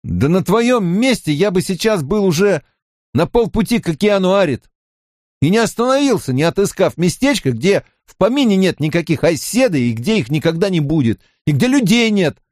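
A man's voice: sits high, big pitch swings, moderate pace, darkish tone, dry recording, studio quality, pitched above the performer's own voice. A man voicing a frantic, cursing young man. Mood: grumbling. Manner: frantic, exclaiming.

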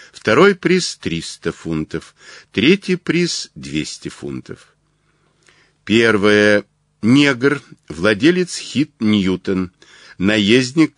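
A male narrator reads a story in an audiobook. His fairly low voice moves lively in pitch while he keeps a slow, careful pace. The recording is close and dry. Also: no echo. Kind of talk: scripted narration.

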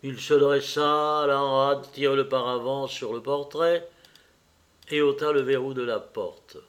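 A man narrating a classic novel as an audiobook, reading in a measured, expressive way. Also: mid-range voice. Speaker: audiobook reader.

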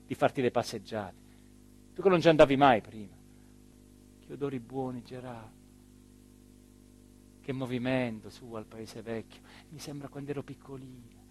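A stage actor with a southern Italian accent performs a theatrical monologue as a bitter, abandoned small-town mayor, swinging emotionally between low murmurs and loud declaiming. Here his male voice sounds tender and wistful, close to everyday speech, though the audio is poor with a little hiss or hum.

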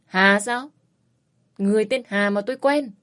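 A woman's voice: medium pitch, a little slow, a bit bright, lightly acted. A woman voicing a young man who coldly rejects his former lover in a dream scene. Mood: contemptuous. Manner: harsh, rejecting. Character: young fisherman, cold and scornful in a dream.

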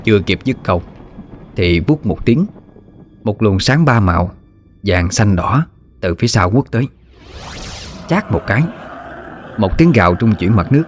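Low-voiced man telling a ghost tale. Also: measured pace, pauses often, soft background music. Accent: Southern Vietnamese. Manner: lively, vivid folk storytelling. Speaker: narrator. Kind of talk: scripted storytelling narration.

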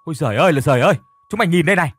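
A man's voice: lively intonation, normal speed, slightly rough. A man voicing a panicky young male student who cries out in fright. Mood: terrified. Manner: shrill, frightened exclamations.

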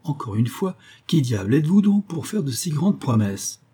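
A man's voice: fairly high pitch, very animated, normal speed, dark tone, husky, pitched above the performer's own voice. A man voicing a young male abbé and painter who talks in a joking, proud way in an audiobook. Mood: wary. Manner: bantering, proud. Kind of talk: audiobook character voice.

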